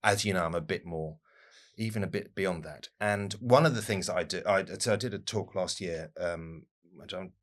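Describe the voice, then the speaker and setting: A man guest on a podcast, telling a story in a casual, slow-building way. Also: low voice, fairly bright tone.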